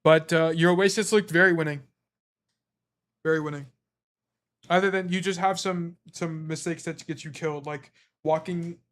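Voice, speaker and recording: A game coach hosting a stream reviews gameplay casually, rambling through filler-heavy explanations as his voice gives out. His pitch is fairly high and his tone steady and fairly bright, at a normal speed with frequent pauses.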